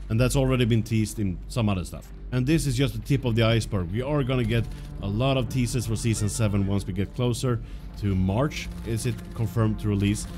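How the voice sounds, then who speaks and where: A man hosting a gaming channel, giving video game news commentary. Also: medium pitch. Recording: music behind the voice. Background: music.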